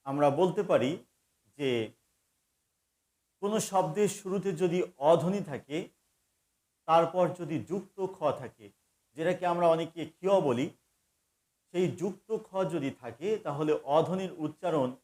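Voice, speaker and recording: Slow, deliberate man teaching grammar. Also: sits high, darkish tone. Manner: slow, deliberate, repeats each rule. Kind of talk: explanatory grammar lesson.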